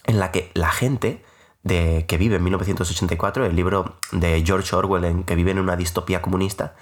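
A man's voice: low-pitched, steady tone, fairly quick. A young man in his twenties hosting a podcast, telling a personal story in a casual, rambling, self-mocking way with many filler sounds.

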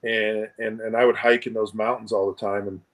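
A man as a guest, telling a personal story in a halting, reflective way over a remote call, often repeating words. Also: on the low side, level tone. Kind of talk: casual storytelling interview. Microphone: remote video call.

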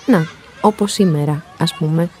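A woman reading a children's story aloud in a gentle, expressive storytelling voice. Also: low voice, a faint crowd, a little hiss or hum. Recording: long hall reverb.

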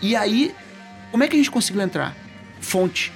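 A man with a Gaúcho Portuguese accent, a radio journalist telling stories in a casual interview, animated and acting out dialogue. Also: high voice, moderate pace, soft background music. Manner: animated, acts out quoted dialogue.

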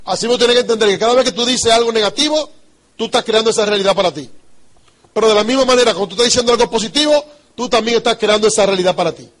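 A man's voice: high-pitched, very fast, fairly bright tone. A man with a Dominican Spanish accent giving a motivational business talk, emphatic and repetitive, often asking his listeners rhetorical questions. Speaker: business trainer.

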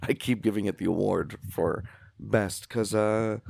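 Male podcast co-host, low and gravelly, playful and sarcastic, dry close mic. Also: steady tone, a little slow, darkish tone, no room sound. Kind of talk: casual chat.

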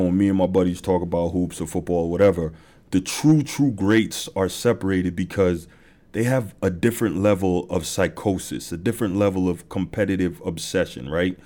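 Man, sports podcast host, low voice, mellow tone, casual rambling talk. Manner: conversational, many fillers and restarts. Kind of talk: casual monologue.

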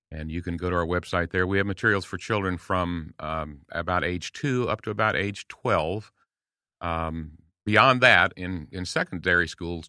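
Deep-voiced and recorded dry in a clean studio, a guest in his late sixties chats on a casual podcast. He is earnest and tells stories to lift listeners up, with warm encouragement and quotes he acts out.

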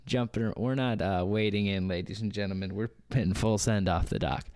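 A man's voice: on the low side, fairly quick, a little mellow, no room sound, clean studio sound. A young man co-hosting a casual podcast, telling a work story with many fillers and restarts and laughing often. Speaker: podcast co-host.

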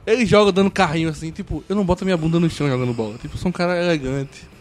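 A man's voice: fairly high pitch, rapid-fire. A man co-hosting a podcast, joking and teasing in slangy casual talk. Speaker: podcast co-host.

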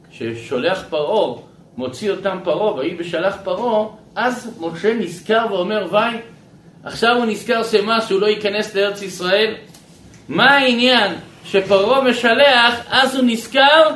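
A man teaching a Torah lesson as a rabbi, animated and asking his listeners questions. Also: high-pitched, echoey room, a little hiss or hum, low-quality recording.

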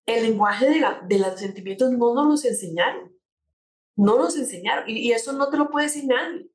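A woman with a slightly high voice talks at a normal pace in an echoey room. She comes across as a conversational talk show guest, coaching listeners on changing their attitudes and making her points through rhetorical questions and everyday examples.

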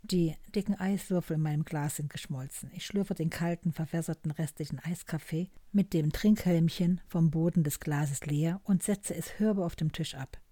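Female narrator, measured storytelling, mellow tone, dry close sound. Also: sits low, no room sound. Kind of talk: first-person story reading.

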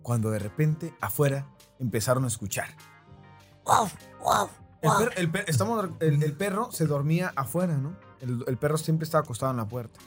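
A man's voice: on the high side, expressive, normal speed, faint music behind. Rambling Mexican man telling a story. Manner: rambling, keeps checking in with listeners. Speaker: podcast host. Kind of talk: casual storytelling.

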